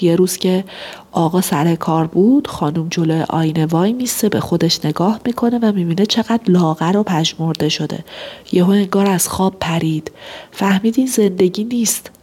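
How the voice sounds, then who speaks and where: A woman's voice: on the low side, darkish tone, slightly rough. A woman giving relationship advice, explaining principles and telling an example story.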